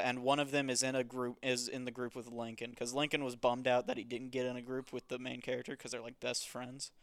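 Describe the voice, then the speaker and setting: A man's voice: medium pitch, a bit bright, smooth, dry recording, studio quality. A man hosting a podcast, casually recapping a comic in a wry, dismissive way. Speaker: podcast host.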